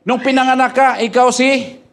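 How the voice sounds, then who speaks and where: A male pastor preaching a sermon, firing rhetorical questions at his flock and rising into shouted bursts. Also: very high voice, fairly even intonation, moderate pace.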